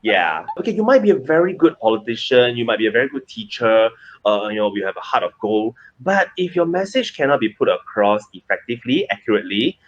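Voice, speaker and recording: A man's voice: mid-range voice, sing-song, brisk. A man hosting a casual interview, asking curious questions and giving short replies. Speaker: host. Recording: dull lo-fi recording.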